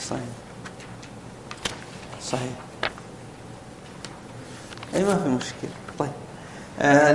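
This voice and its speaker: Man teaching in a very echoey classroom. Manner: explains step by step, often asks the class questions. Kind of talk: classroom lesson on spelling rules. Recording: very echoey room with faint rumble.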